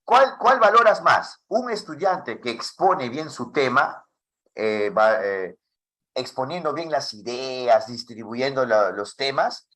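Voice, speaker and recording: A man teaching a class for teachers, asking many questions in a lively way. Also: medium pitch, slow pace. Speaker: teacher trainer.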